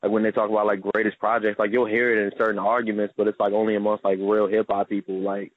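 A man's voice: fairly low pitch, monotone, quick pace, dry recording. A man in his twenties from Maryland, a rapper talking about himself in a laid-back, modest way over a phone line. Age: 20s. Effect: heard over a phone line. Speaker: rapper, interview guest. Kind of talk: casual phone interview. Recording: tinny dry phone line.

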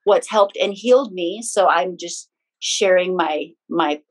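This middle-aged woman from the Philippines has a lowish voice and an unhurried delivery. Appearing as a podcast guest, the spiritual teacher and author shares frank, chatty personal anecdotes in casual conversation, laughing softly now and then.

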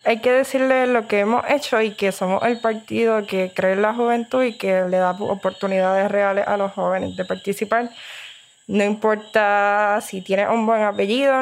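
A young woman in her twenties speaks with a Puerto Rican accent and a gravelly, fry-tinged voice. She answers interview questions eagerly, laughing easily, at an ordinary middle pitch. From Puerto Rico. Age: 20s. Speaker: university student and youth party officer.

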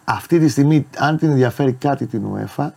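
A man's voice: medium pitch, vocal fry, darkish tone. Insistent man arguing in a studio. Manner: insistent, argumentative. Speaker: guest commentator. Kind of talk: casual studio debate.

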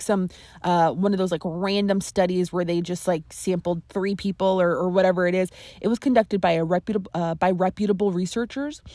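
A woman's voice: on the low side, warm tone, no echo, studio quality. A young adult woman hosting a podcast, talking earnestly and conversationally with playful emphasis. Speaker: podcast host. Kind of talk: solo podcast talk.

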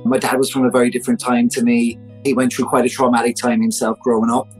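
A man in his forties, a podcast guest telling a personal story in a chatty, animated way full of fillers. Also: medium pitch, quick pace, slightly rough, faint music behind, rough recording. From Ireland. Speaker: interview guest.

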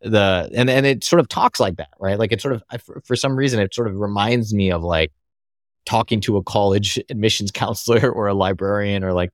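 Rambling American man, low and dry. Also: moderate pace, no room sound. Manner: rambling, many fillers and restarts. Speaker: podcast guest. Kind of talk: casual conversation.

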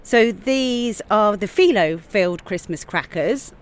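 Chatty woman chef, animated and lively. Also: medium pitch, slow. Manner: chatty, animated, with frequent laughs. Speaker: chef, podcast guest. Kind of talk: casual chat. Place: outdoors on church steps.

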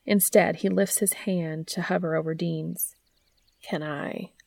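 Gravelly low-voiced woman narrating a story. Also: fairly even intonation, normal speed, dark tone, no room sound. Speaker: audiobook narrator.

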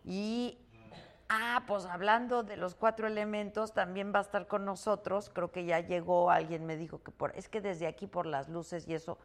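A woman's voice: medium pitch, steady tone, normal speed. A woman hosting a live talk show from a hotel, chatty and teasing, reading out viewer greetings and trailing off in repetitions. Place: hotel on the Mexican Caribbean coast.

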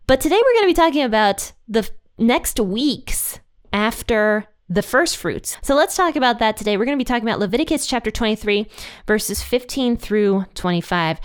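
Clear-voiced woman podcaster, dry sound. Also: on the high side, lively intonation, moderate pace, dry recording. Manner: informal, chatty. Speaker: podcast host. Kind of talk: casual solo podcast chat.

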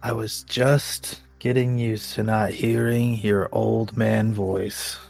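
A man's voice: fairly low pitch, level tone, takes it slowly, vocal fry, darkish tone, soft background music, full character voice. A man playing a casual, teasing grandson in a tabletop role-playing game.

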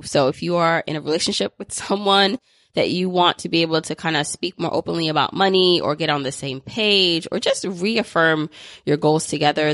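A woman in her thirties hosts a podcast, sounding upbeat and chatty as she leans heavily on "like" through a casual interview and outro. Her voice is deep and a bit bright, recorded with studio quality and no echo.

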